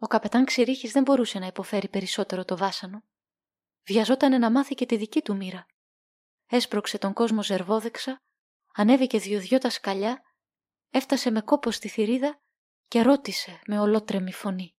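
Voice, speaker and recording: A woman narrating a literary short story as an audiobook, reading in a measured, calm way. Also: mid-range voice, dry recording, clean studio sound.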